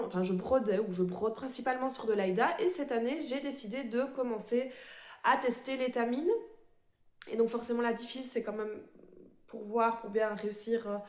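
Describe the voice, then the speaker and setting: A woman's voice: fairly high pitch, darkish tone, echoey room. A woman presenting her embroidery projects in a casual show-and-tell, a little nervous and hesitant, with many fillers and restarts. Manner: self-described fast talker, a bit nervous. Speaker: cross-stitch vlogger.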